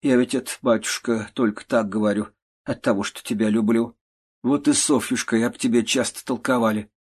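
A man's voice: fairly even intonation, fairly quick, slightly rough, close to an everyday voice. A man voicing a sick, querulous old aunt who scolds and grumbles, in an audiobook reading. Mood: reproachful. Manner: scolding, grumbling, shrill outbursts.

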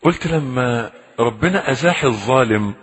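Egyptian male preacher, husky tone, pleading then chatty with the crowd; echoey hall sound. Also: mid-range voice, expressive, normal speed. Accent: Egyptian Arabic. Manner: pleading in prayer, conversational questions to the audience. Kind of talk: sermon with supplications.

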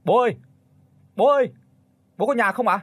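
A man voicing an adult son in an audio horror story, shouting in a raised, strained voice. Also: normal speed, slightly rough, dry recording, heavily acted. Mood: calling out. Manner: loud, high, shouting calls. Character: adult son, frantic and hot-tempered.

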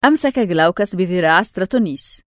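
A woman narrating a story for an audiobook in an expressive, dramatic reading style. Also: lowish voice, rapid-fire, dry recording, clean studio sound.

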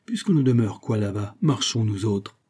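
A man's voice: fairly low pitch, sing-song, normal speed, mellow, slightly rough. A man reading a classic novel aloud, voicing a proud, commanding French financier with a haughty manner. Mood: imperious. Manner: haughty and imperious.

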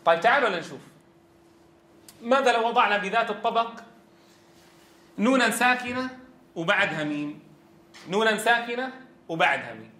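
A man's voice: sits high, expressive, a little fast, pauses often, sharp tone, roomy sound. A man teaching Quran recitation, asking students questions and demonstrating sounds. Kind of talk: tajweed lesson.

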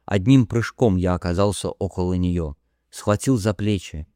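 Low-voiced man narrating an audiobook. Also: warm tone, dry recording, studio quality. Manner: measured, grave storytelling. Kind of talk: first-person audiobook narration.

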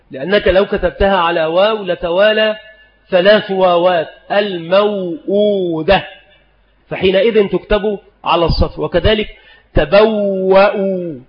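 Male lecturer, high voice, patient and repetitive delivery, dull lo-fi recording. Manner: slow, deliberate, repeats each rule and example. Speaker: Islamic scholar teaching spelling rules. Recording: dull lo-fi recording in a reverberant hall.

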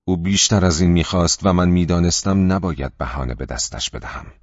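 A man with an extremely deep voice reads an audiobook in a measured, steady way. The recording is dry with no room sound, and slightly dull and lo-fi in tone. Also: no room sound. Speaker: audiobook narrator. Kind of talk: scripted audiobook narration.

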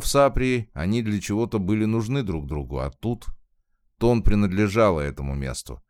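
A man narrating a novel as an audiobook in a calm, measured, expressive reading on a close mic. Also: on the low side, no echo.

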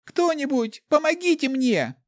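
A frightened little noble girl wails and pleads in a thin, strained high voice, as a man puts her on. She sounds tearful and desperate, a storybook victim, recorded dry and close. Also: very animated, a little slow, no echo, full character voice. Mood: terrified. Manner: crying, high-pitched wailing. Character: terrified young noble girl, sobbing and pleading. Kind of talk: audiobook character voice.

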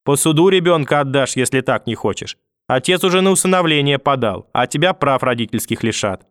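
A man's voice: mid-range voice, animated, moderate pace, no room sound, clean studio sound, natural voice. A man reading an audiobook and voicing a furious, vicious old grandmother who scolds, curses and threatens. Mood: threatening.

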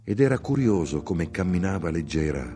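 A man narrating a literary audiobook in an expressive, measured way. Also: low-pitched, soft background music. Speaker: audiobook reader.

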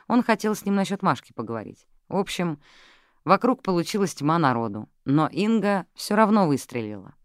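A woman's voice: lowish voice, big pitch swings, normal speed, no echo, pitched above the performer's own voice. Weary woman writer, matter-of-fact, audiobook character, read by a narrator, dry sound. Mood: explaining. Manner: tired, matter-of-fact explaining. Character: weary female mystery writer, calm and sharp.

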